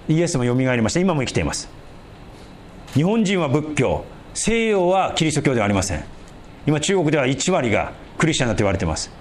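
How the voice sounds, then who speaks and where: A male pastor giving an emphatic, animated sermon. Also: on the high side, slight background noise.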